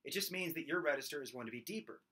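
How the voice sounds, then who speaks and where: A thirtysomething vocal coach talks very fast and expressively to his desk-distance webcam during a casual home singing lesson, gesturing as he goes. His small, nasal, slightly whiny voice is pushed and bright with a breathy edge, and he demonstrates belted high screams.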